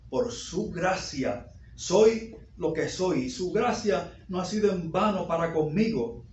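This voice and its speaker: A man preaching a sermon as pastor, repeating phrases and rising to sudden loud peaks. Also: high-pitched, slow, slight background noise. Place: church sanctuary. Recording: echoey dull church recording.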